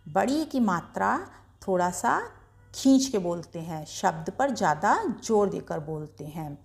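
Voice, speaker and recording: Slow, patient woman teaching reading. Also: fairly low pitch, lively intonation, creaky. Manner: patient, draws out and stresses each syllable. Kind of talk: slow beginner reading lesson.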